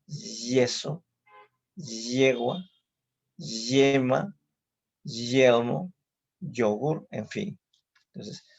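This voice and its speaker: A psychologist with a Peruvian Spanish accent gives an online conference lecture, slowly and deliberately listing example words and often adding a questioning "no?". His medium-pitched voice is gravelly and husky, and the audio is muffled and lo-fi.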